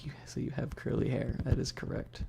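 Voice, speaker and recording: Brisk and informal, a man runs an ASMR livestream and jokes around with viewers in slangy banter. Background noise can be heard.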